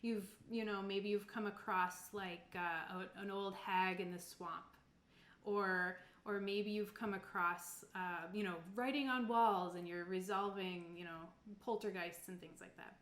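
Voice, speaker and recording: A woman from Cape Breton Island, Canada, game-masters a tabletop roleplaying stream, narrating and chatting in a playful, informal, conversational way. Her mid-range voice is steady, fairly bright, and a little slow, recorded in an echoey room.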